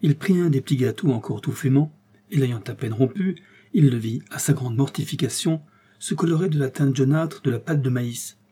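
Husky, mellow man reading a fairy tale. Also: mid-range voice. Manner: measured, expressive reading. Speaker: narrator. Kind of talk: storybook reading.

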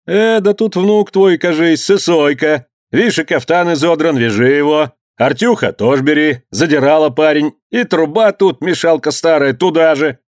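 A man's voice: fairly high pitch, moderate pace, few pauses, no echo, clean studio sound, voice pushed up, natural voice. A man voicing a stern young master who speaks harshly and gives commands in an old-time storybook tale. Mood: shouting.

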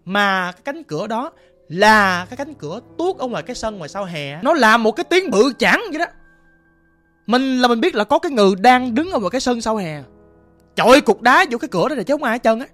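A man with a Southern Vietnamese accent telling a ghost story in a chatty, colloquial way, swinging between hushed and loud. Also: extremely high pitch, big pitch swings, brisk, faint music behind. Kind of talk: spoken ghost story narration.

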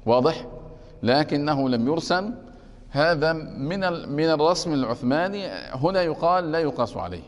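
A man's voice: a little high, lively intonation, normal speed, long reverb tail. A man teaching a class on grammar. He takes questions and keeps checking whether his students have understood. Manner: keeps asking the class if it is clear.

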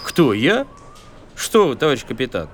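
A man playing a wry, nervous police duty lieutenant in a comic audio drama, deadpan and deferential. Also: mid-range voice, normal speed, slight background noise, lightly acted. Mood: nervous deference.

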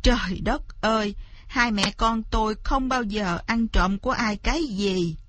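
A woman's voice: a little slow, background noise, close to an everyday voice. A woman storyteller voicing a poor, anxious mother who pleads and cries out in a raised voice. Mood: pleading. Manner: pleading, crying out high.

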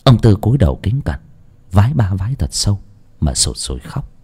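A man narrating a ghost story dramatically, with an expressive, swooping delivery. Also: fairly low pitch, a little fast, slightly rough.

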